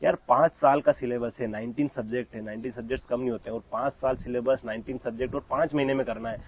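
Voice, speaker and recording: A young man from India hosts this relaxed conversation, talking quickly and keeping the back-and-forth lively. His voice sits at an ordinary middle pitch, and he jokes easily with his guest. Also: husky, low-quality recording. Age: young adult. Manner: rapid, chatty, jokes along with the guest. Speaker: interview host and exam mentor. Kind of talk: casual conversational interview.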